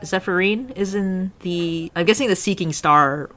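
Bright-voiced player, swearing and laughing. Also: mid-range voice, unhurried. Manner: swears casually, laughs often. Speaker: player and co-host. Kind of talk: casual tabletop game play.

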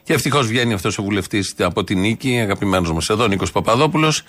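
A man hosting a radio show, giving brisk, wry mock-news commentary and signing off. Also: fairly low pitch, expressive, fairly bright tone, no room sound.

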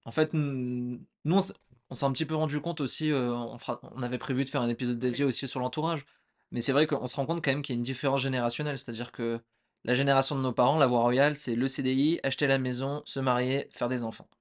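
A man's voice: medium pitch, quick pace. Hesitant young man co-hosting a podcast. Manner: relaxed, hesitant, many fillers. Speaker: podcast co-host. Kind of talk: casual chat.

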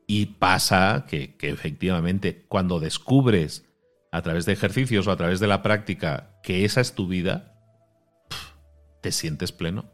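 A man from Spain hosting a podcast interview with a Spain Spanish accent, talking in an animated, casual way. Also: low voice, measured pace, faint music behind. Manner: animated, uses Spanish exclamations like ostras and hostia. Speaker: podcast host.

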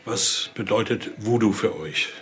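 Speaking a little slowly at a fairly low pitch, this museum guide and expert explains things casually, frequently tacking short check-in tags onto his phrases. The recording comes from an exhibition room full of clearly noisy indoor sound.

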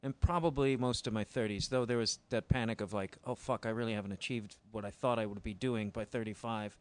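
A man's voice: fairly low pitch, steady tone, a little fast, clean tone. A man in his forties hosting a casual chat, talking loosely and frankly and swearing freely. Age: 40s. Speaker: podcast host.

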